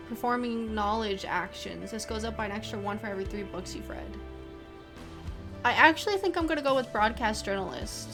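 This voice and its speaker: A woman streamer casually reading game menu text aloud, with fillers and small asides. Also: a little high.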